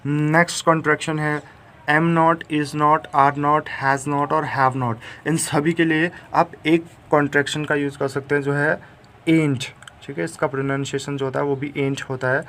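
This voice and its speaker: A man teaching English grammar. He reads the English examples slowly and clearly, then explains them in Hindi with many fillers. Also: fairly high pitch, flat delivery, a bit bright. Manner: frequent fillers and tag "theek hai". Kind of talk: bilingual grammar lesson.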